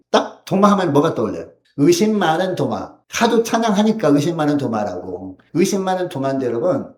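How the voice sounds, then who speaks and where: 울림 있는 교회에서 설교하는 남자 목사. His voice is fairly high with a darkish tone, and he preaches earnestly in the church sanctuary, posing rhetorical questions to the congregation. The sermon is recorded in an echoey church hall.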